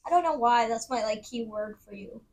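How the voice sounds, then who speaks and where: A young woman co-hosting a podcast in casual chat, giggly and teasing, often breaking into loud laughter. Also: on the high side, a little fast. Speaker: podcast co-host.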